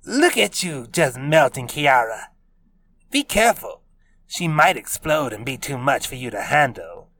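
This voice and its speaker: A man's voice: medium pitch, sing-song, unhurried, sharp tone, pitched above the performer's own voice, full character voice. A man voicing a playful teenage boy who teases his friends in a sing-song way. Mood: teasing.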